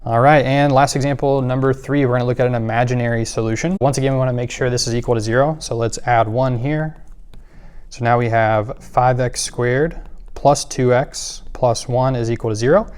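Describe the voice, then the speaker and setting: A man's voice: medium pitch, fairly quick, clear, resonant tone. A man teaching a math lesson, walking through worked examples step by step with occasional fillers. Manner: steady step-by-step explaining with fillers.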